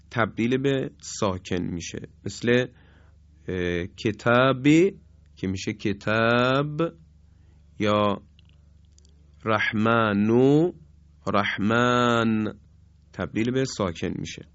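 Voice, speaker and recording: A man giving a radio lesson as a Quran recitation teacher, speaking in a measured way with frequent hesitations and slowly drawing out the example words he recites. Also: on the low side, no room sound, lo-fi sound.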